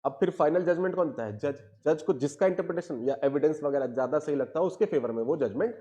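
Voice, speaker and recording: Higher-voiced male lecturer teaching law. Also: animated, warm tone. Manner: asks students constant check questions; reads legal definitions slowly word by word.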